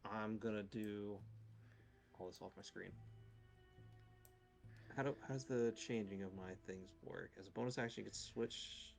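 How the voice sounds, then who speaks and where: A man's voice: on the low side, steady tone, moderate pace, vocal fry, long pauses, soft background music. A man playing in a tabletop game, chatting casually about his moves. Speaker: player.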